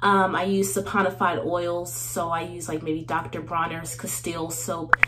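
This beauty vlogger, a woman in her thirties, chats and laughs her way through a get-ready-with-me video in a small indoor bathroom, slightly nasal because of a cold. She speaks at a moderate pace in a lowish, level tone, and the recording is very noisy.

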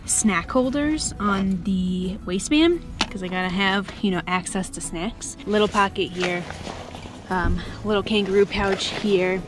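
A young woman chatting excitedly in a casual travel vlog, filmed in a parked car with a camera held at arm's length. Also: mid-range voice. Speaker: vlogger. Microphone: handheld camera at arm's length.

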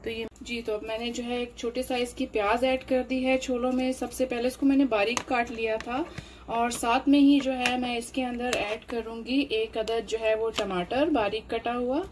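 A woman's voice: on the high side, fairly even intonation, background noise. Woman, cooking tutorial. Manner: unhurried, explains each step with many fillers. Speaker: cooking channel host. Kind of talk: home cooking demonstration voice-over.

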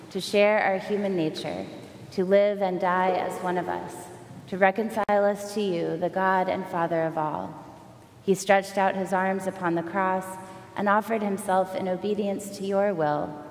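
Woman celebrant, solemn measured liturgy, cathedral echo, long church reverb. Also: mid-range voice, darkish tone. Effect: cathedral echo from a large church. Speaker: priest leading the Eucharist. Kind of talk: reciting the Eucharistic prayer in a church service. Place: large church during a service. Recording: echoey hall with faint room noise.

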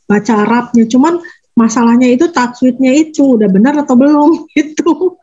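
An adult woman appears as a guest in a casual conversational interview, her fairly high voice dark in tone with a breathy edge. She rambles and halts, correcting herself mid-sentence. The audio is dull and lo-fi.

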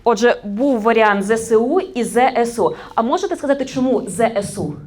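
A woman's voice: on the high side, lively intonation, fairly quick, a little mellow. A woman media trainer giving an interactive workshop on correct Ukrainian usage, quizzing her audience and correcting common mistakes, with a Ukrainian accent.

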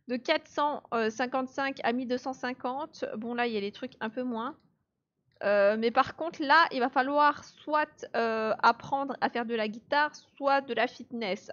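A woman's voice: high-pitched, fairly bright tone, dull audio. A woman giving casual live gameplay commentary, chatty and laughing often as she answers her chat. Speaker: let's play streamer.

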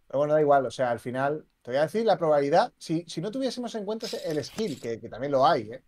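A man co-commentating live poker, calmly working through hands and odds. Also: a little high, fast talker.

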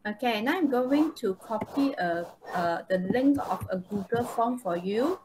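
A Malaysian-accented woman teaches a live online English lesson, explaining things step by step and checking that students understand. Her voice is on the high side, animated and measured in pace, picked up by a video call microphone on a noisy call.

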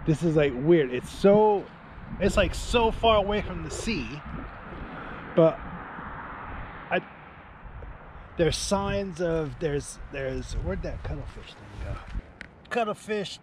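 A man's voice: a little high, takes it slowly, pauses often. A man in his forties, vlogging casually on an outdoor riverbank to an action camera, laid-back and saying "man" and "dude" a lot. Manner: laid-back, says "man" and "dude" a lot, excitable when he lands a fish. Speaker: angling vlogger. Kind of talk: casual fishing vlog. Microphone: action camera held close or set nearby. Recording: outdoor wind and ambient noise.

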